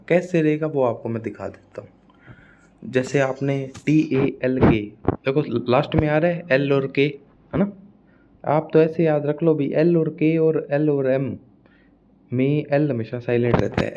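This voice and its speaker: Slow-paced Indian male tutor. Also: medium pitch, darkish tone, a little hiss or hum. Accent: Hindi-speaking Indian English. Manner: slow, repetitive drilling with frequent checks. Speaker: exam prep teacher. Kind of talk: classroom lecture on phonetics.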